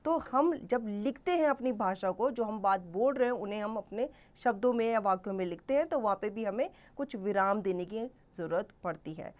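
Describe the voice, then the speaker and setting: A woman gives a grammar lesson to young children, speaking at a middle pitch in a patient, clear way. She slows right down to spell out each example sentence. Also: animated. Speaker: teacher.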